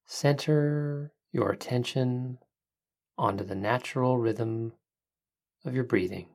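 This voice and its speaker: A calm meditation podcast host with a medium-pitched voice, guiding the listener in short, soothing phrases. The delivery is very unhurried, with long pauses between instructions. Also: creaky. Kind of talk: guided meditation narration for a podcast.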